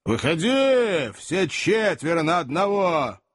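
A man doing a belligerent shouting cabman. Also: high-pitched, normal speed, no room sound, clean studio sound, pitched above the performer's own voice, natural voice. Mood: angry shouting. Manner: shouting, aggressive. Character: loud, belligerent London cabman picking a fight. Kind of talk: audiobook character voice.

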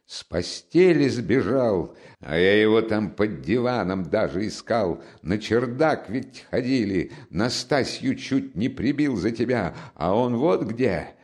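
A man reading the part of an angry young friend who loudly reproaches someone who ran off. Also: on the low side, lively intonation, slow pace. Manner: shouting reproaches.

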